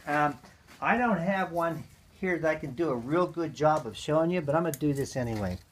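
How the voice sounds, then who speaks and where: A man with a slightly high-pitched voice gives a relaxed, hands-on gardening lesson. His delivery is chatty and folksy, loose and unscripted, and filled with ums and uhs. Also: a little fast. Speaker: gardening teacher. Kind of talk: casual hands-on demonstration.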